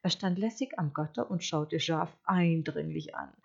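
A woman reading a children's story aloud in a slow, expressive storytelling manner. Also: low voice, creaky, slightly rough, dull audio. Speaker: narrator.

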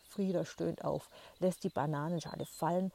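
Husky woman reading a children's story. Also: fairly low pitch, normal speed. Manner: gentle, lively storybook reading.

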